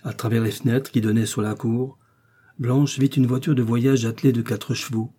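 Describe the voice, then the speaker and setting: A man narrating a classic novel in a measured, even reading voice. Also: mid-range voice, husky. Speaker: audiobook reader. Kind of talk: literary audiobook narration.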